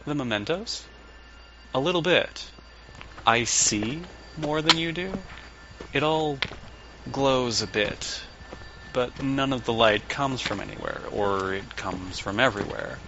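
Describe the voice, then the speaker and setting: In an audio drama, a man plays a blunt, sardonic, unorthodox therapist who is older than he looks, speaking with a dry, probing manner in a reflective mood. His mid-range voice moves slowly, with long pauses, through both dialogue and dictated case notes. The recording is muffled, with loud background noise.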